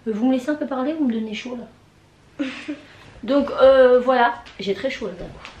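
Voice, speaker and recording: Woman in her thirties, hoarse swollen-tonsils voice, higher pitch, hesitant casual vlog chat, echoey room. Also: moderate pace, a little mellow. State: sick with tonsillitis, hoarse, voice mostly gone. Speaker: vlogger. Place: indoors, bedroom. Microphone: camera on a tripod.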